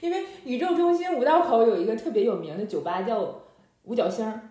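A woman's voice: a little high, expressive, brisk, warm tone. A woman hosting a casual podcast chat, explaining things and laughing often as she talks. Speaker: podcast host. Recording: roomy echo with faint noise.

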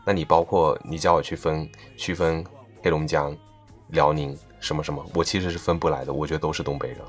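A man's voice: a bass voice, steady tone, a little fast, soft background music. A man chatting casually as a podcast co-host, often repeating the openings of his sentences. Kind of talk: casual chat.

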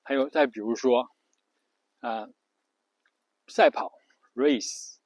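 A man's voice: mid-range voice, takes it slowly, darkish tone, dry recording, low-quality recording. A man giving a casual spoken lesson on pronunciation, repeating himself often, with words. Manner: repetitive, lots of fillers and restarts, spells letters out. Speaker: English pronunciation teacher.

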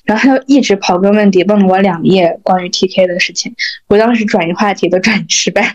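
A woman's voice: mid-range voice, fast, darkish tone. A woman co-hosting a podcast, telling chatty stories about her experiences in a casual conversation. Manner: chatty storytelling with laughs. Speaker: podcast co-host. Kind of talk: casual chat. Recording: dull lo-fi audio.

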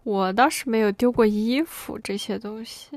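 A young woman in her twenties chats on a podcast and tells stories in an animated way. Her voice sits a little high. The sound is dry and close. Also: moderate pace, no echo. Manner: animated storytelling, often asks "you know?". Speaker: podcast co-host. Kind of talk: casual chat.

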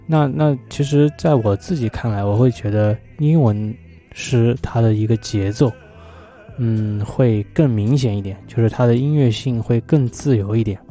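A man talking on his own about poetry in a relaxed, thoughtful way, often pausing on fillers as he thinks aloud. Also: medium pitch, faint music behind. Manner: thoughtful, hesitant, many fillers. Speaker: vlogger. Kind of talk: casual solo talk about poetry.

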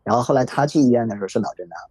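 A man in his thirties telling a personal story in a reflective, halting way, with many fillers. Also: medium pitch, animated, a little mellow, slightly rough, no room sound. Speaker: podcast guest sharing a personal story. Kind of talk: emotional first-person storytelling. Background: faint background music.

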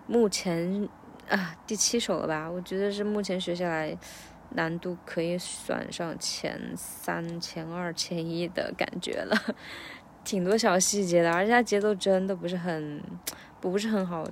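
Woman teacher, thoughtful and self-coaching, slightly low voice. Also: steady tone, a little hiss or hum. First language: Chinese. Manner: reflective, breaks lyrics into slow drills. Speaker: English teacher practicing song lyrics. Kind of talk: casual self-recorded practice vlog.

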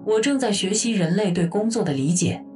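A woman voicing a calm female AI voice assistant who talks in an even, matter-of-fact way. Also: mid-range voice, a little fast, recorded from a distance, music in the background, natural voice.

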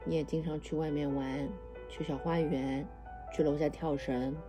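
At home at bedtime, a mother chats with her young daughter, teasing her playfully, laughing often and soothing her while soft music she put on plays. Her low voice is level in tone and moves at a normal speed.

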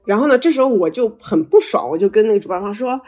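A woman podcast host telling a personal story over a video call, excited and slightly stammering, with many restarts. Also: mid-range voice, fast talker. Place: travelling abroad, on a video call.

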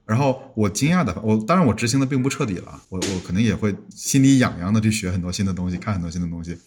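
Guy on a podcast, kinda low and husky, talks fast and keeps restarting words. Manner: musing, often restarts words. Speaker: podcast guest. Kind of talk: casual podcast chat.

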